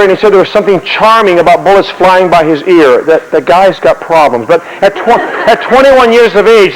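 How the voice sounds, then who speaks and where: Man storyteller, high voice, acts out scenes with sound effects, long hall reverb. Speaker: history storyteller. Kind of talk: animated historical storytelling lecture.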